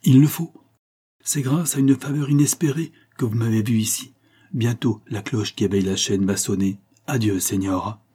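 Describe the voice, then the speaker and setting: A man's voice: fairly low pitch, dark tone, slightly rough. A man voicing a melancholy young convict. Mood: pleading. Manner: grave, measured, sorrowful.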